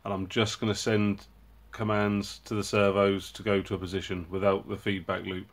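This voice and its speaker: A man hosting his own hobby channel, casually walking through a project and explaining it in a relaxed way with frequent ums and uhs. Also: lowish voice, normal speed. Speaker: robotics hobbyist channel host.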